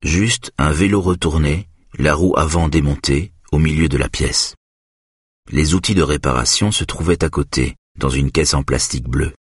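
A man narrating a tense first-person story in a measured way. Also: extremely low pitch, breathy edge, dry recording, studio quality.

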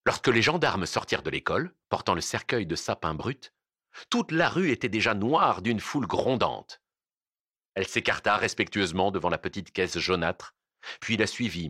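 A man reading a novel aloud with expressive, dramatic narration. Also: on the low side, no echo, studio quality. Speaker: audiobook reader.

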